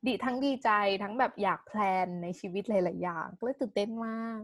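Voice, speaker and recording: Animated woman telling a story. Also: mid-range voice, a little fast, gravelly. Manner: animated storytelling, mixing in English words. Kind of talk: casual chat.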